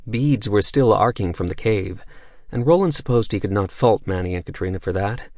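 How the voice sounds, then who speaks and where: A male narrator reads an action novel in a measured, steady manner. His voice is very deep. The studio sound is close and dry. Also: no echo. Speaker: audiobook narrator. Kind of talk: scripted narration. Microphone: studio microphone.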